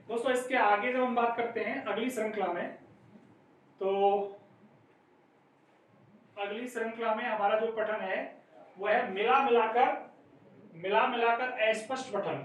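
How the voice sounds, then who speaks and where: A man's voice: high-pitched, measured pace, long pauses, fairly bright tone. A man teaching an exam-prep lesson, explaining step by step and often calling his listeners friends. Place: classroom. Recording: echoey room, distant mic, faint noise.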